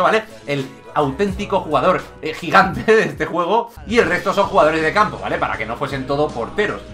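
Excitable young gaming commentator. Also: male voice, sits high. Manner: excitable, jokey, rapid shifts between shouts and mutters. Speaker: gaming YouTuber. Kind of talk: energetic gameplay commentary.

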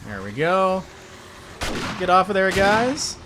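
A man with a high, keyed-up voice gives excited commentary over a video game. He keeps exclaiming and talks straight to his viewers. Loud gunfire and game noise run clearly under his voice. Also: takes it slowly. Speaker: gaming video host.

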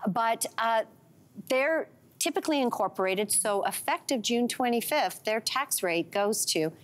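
Middle-aged woman, finance pundit type, brisk explainer who walks through numbers, studio lapel sound. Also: on the high side, expressive. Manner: brisk explainer walking through dollar examples. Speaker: financial commentator guest. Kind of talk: explaining finances on a talk show. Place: TV talk show studio.

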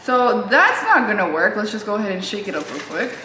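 This young woman in her twenties is very animated and brisk as she vlogs casually from her small home gym, chatty, giggly and adding Spanish phrases. Her medium-pitched voice has a sharp tone; the low-quality lapel mic recording sounds roomy with a little hiss or hum.

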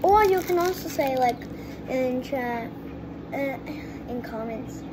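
Speaking slowly in a high, expressive female voice, a young girl vlogs casually to her viewers at a kitchen table by a window, chatty and rambling with frequent restarts. A phone propped on the table records her amid heavy background noise.

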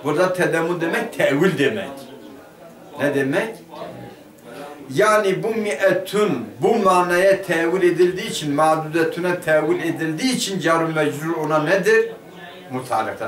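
Male teacher, higher voice, leads a grammar lesson and quizzes the class, heard from across an echoey room. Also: animated, normal speed, fairly bright tone. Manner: asks the class questions and answers them himself. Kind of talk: Turkish madrasa lesson explaining a grammar text. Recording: roomy classroom picked up from a distance.

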